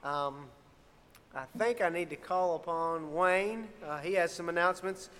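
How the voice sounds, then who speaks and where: A man's voice: on the high side, a little slow, a bit bright, smooth. A man speaking as a youth minister, giving church announcements in an upbeat, informal way. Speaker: youth minister and worship music helper. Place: church sanctuary, amplified. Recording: echoey hall with long reverb.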